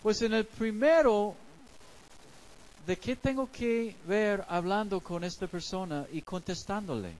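A man's voice: high-pitched, a little slow, darkish tone, slight background noise, rough recording. A man preaching as a pastor, explaining scripture in a conversational way with everyday street examples. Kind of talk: sermon.

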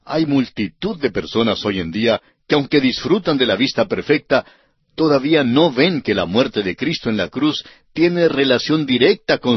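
A man's voice: medium pitch, breathy edge, no echo, lo-fi sound. A man giving a radio Bible study sermon who reads scripture and speaks earnestly and directly to the listener.

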